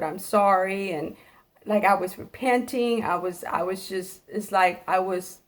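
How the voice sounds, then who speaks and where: Slow, halting woman giving tearful testimony. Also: medium pitch. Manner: halting, repeats herself, speaks straight to viewers. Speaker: vlogger sharing a dream. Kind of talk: emotional personal testimony.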